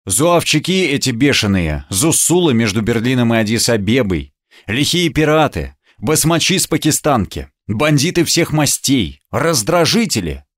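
A man reading a first-person audiobook in a reflective, measured storytelling manner. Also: medium pitch, very animated, no room sound, studio quality. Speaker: audiobook narrator.

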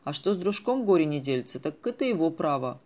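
A man's voice: a little high, big pitch swings, fast. Man playing a rustic village drinker, folksy, pompous, raised voice, audiobook. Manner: folksy, self-important, loud. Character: rustic small-town male drinker, folksy and self-important.

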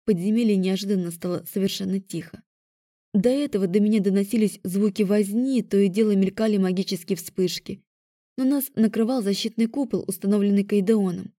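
A woman narrating a first-person audiobook in a calm, measured way. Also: medium pitch, no room sound, studio quality.

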